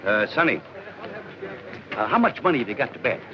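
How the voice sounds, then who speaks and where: A muffled, noisy old film soundtrack carries an actor playing a cocksure, scheming middle-aged father. His screwball comedy banter is brisk and insistent, with a very lively rise and fall. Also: mid-range voice, close to an everyday voice. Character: scheming, cocksure father pushing a numerology gambling system.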